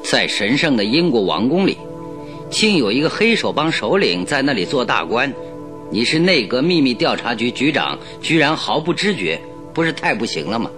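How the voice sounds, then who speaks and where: An actor playing Sherlock Holmes in a radio drama, challenging and incredulous, with soft music behind him. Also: male voice, mid-range voice, very animated, moderate pace, natural voice. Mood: indignant. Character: Sherlock Holmes, sharp, questioning detective. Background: music bed.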